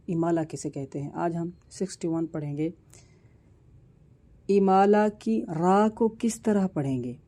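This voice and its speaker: A man's voice: a little high, warm tone. A man teaching Quran recitation in an online tajweed lesson, explaining patiently and stretching out each example word as he recites it.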